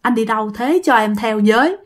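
A woman voicing an eerie young male ghost who keeps softly pleading to tag along, in a told ghost story. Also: a little high, animated, brisk, lightly acted. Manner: soft, pleading repetition.

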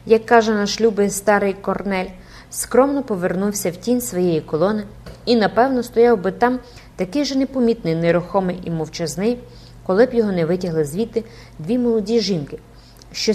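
A woman's voice: mid-range voice, darkish tone. Woman narrating a classic novel. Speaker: audiobook narrator.

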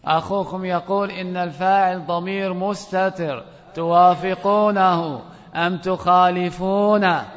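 A man's voice: high-pitched, steady tone, measured pace, long reverb tail, lo-fi sound. A man teaching an Arabic grammar class, asking questions and calling on students by name.

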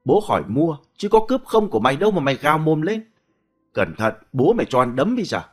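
A man's voice: a little high, very animated, fast, soft background music, voice pushed up. A man voicing a crude, menacing village thug. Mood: taunting. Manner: crude, bullying and taunting. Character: brutal young male thug, greedy and menacing.

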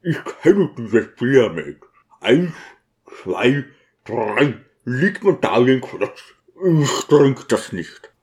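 A stubborn, suspicious deacon, voiced by a man reading aloud, weighing every word. He talks at an unhurried, slow pace in a middle register. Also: mid-range voice, very animated, a little mellow.

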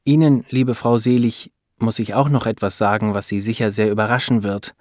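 A man's voice: lowish voice, fairly even intonation, moderate pace, darkish tone, no room sound, studio quality, lightly acted. A man voicing a serious female lab doctor who speaks earnestly and hesitates over bad news. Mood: hesitant serious.

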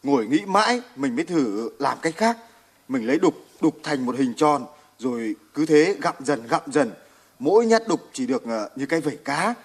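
Brief: a modest militiaman, husky, easygoing explainer. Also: on the high side, sing-song, normal speed, heavily acted. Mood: explaining. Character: resourceful male militiaman, modest. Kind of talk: radio drama acting.

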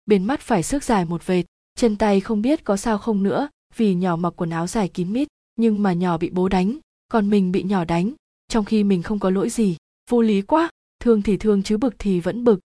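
A woman reads a first-person story aloud in a lively, chatty way. Her voice is soft and mellow, recorded close with a dry sound. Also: medium pitch, no echo. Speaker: narrator.

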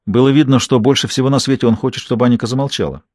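Male narrator, audiobook, steady reading, mid pitch, dry close recording. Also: rapid-fire, no room sound. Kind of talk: scripted narration.

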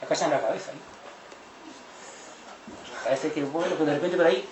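A man's voice: fairly high pitch, a little fast. Man, informal lecture, blunt, colloquial, echoey room, faint hiss. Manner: blunt and colloquial, swears casually. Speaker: speaker at a talk.

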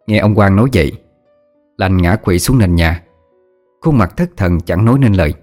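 A man narrating a scripted ghost story in a steady, even manner. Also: low voice, normal speed. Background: faint background music.

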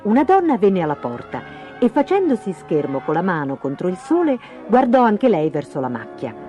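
A woman reading a fairy tale aloud in a lively, expressive storytelling manner. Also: on the low side, normal speed. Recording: dull lo-fi with faint music.

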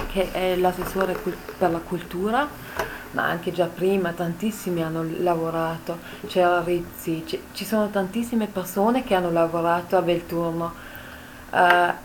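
Halting, modest woman. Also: lowish voice, low-quality recording. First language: not a native Italian speaker. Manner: halting, self-correcting, modest. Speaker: book co-author speaking at a presentation. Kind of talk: informal public talk. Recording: faint ambient room noise.

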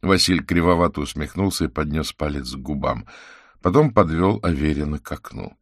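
A man's voice: a bass voice, animated, moderate pace, no room sound, studio quality. A man reading a novel aloud as a single narrator, voicing every character himself. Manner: reads every part himself, lifting his voice for child and cat lines. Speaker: audiobook narrator. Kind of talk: scripted narration.

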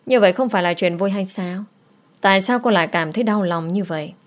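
A woman narrating an audiobook story in a soft, emotional reading voice. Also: mid-range voice, quick pace.

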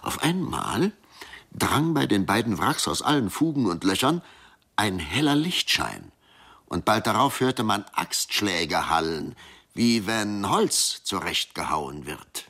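Low gravelly male storyteller. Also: sing-song, slow pace, fairly bright tone. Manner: storyteller addressing listeners. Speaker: narrator. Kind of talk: told folk tale narration.

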